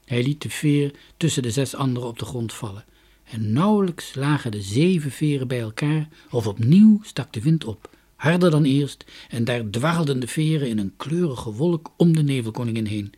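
A man's voice: medium pitch, expressive, moderate pace, mellow, breathy edge. A man reading a children's story aloud expressively, sometimes dropping to a whisper.

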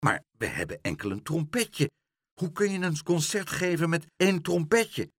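Man voicing a steady father figure, calm, husky, dry close sound, storybook. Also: a little high, normal speed, no echo, pitched above the performer's own voice, exaggerated voice. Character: calm, sensible family father.

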